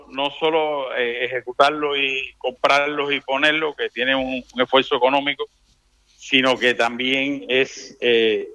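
A middle-aged man from Cuba, speaking as an interview guest in a halting way, full of restarts and fillers. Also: mid-range voice, sharp tone. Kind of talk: conversational interview.

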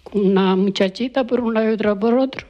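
An older woman with a Canarian Spanish accent, recalling her family's past in a halting, searching way during an oral history interview. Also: mid-range voice, highs cut off. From La Palma, Canary Islands. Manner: halting, reminiscing, searches for words.

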